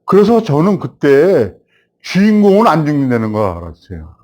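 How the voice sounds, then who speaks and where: A man in his seventies, a film director, telling a host stories from his past and growing animated as he recalls it. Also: on the high side, normal speed. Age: 70s. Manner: animated storyteller, rising when recalling the past. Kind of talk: reminiscing storytelling.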